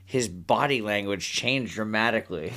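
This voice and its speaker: Man from Washington State, lowish voice, blunt and sardonic podcast co-host. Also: moderate pace, pushed and bright. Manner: blunt, profane, dry humor. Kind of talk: casual podcast chat.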